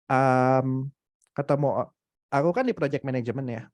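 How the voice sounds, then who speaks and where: A young adult man giving a casual, motivational webinar talk, animated and full of hesitant fillers. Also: mid-range voice, moderate pace, no room sound. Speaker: webinar speaker.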